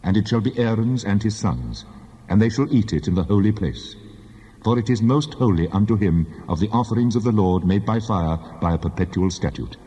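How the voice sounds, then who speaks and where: God, solemn, cavernous, deep voice. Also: male voice, animated, a little fast, warm tone, breathy edge. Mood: solemn, instructing. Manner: solemn, authoritative, declamatory. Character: God, solemn commanding male deity giving laws. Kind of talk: dramatized scripture reading, formal archaic speech. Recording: long cavernous reverb on the voice.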